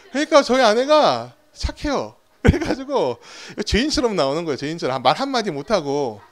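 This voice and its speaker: A man preaching a sermon as pastor, telling stories with rhetorical questions and acted-out quotes. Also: high voice.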